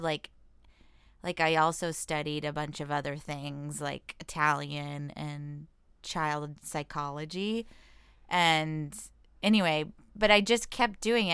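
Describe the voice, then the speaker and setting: An American comedian and actress from Washington state chats casually as an interview guest, informal, self-deprecating and thinking aloud. Her voice is low, steady, clear, resonant and a bit bright at a measured pace, in studio-quality sound with no echo.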